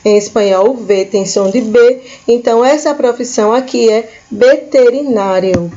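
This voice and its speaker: A woman with a Brazilian Portuguese accent leads a patient classroom vocabulary lesson. Her voice sits a little high yet sounds dark and mellow. The recording is dull and lo-fi. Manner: repeats each word slowly, checks in with "certo?". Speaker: Spanish teacher.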